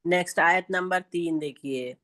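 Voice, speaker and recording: With a fairly low, slightly bright voice, a woman teaches Quran recitation online in a Pakistani Urdu accent. She speaks slowly and patiently, stretching sounds out to show how they're made.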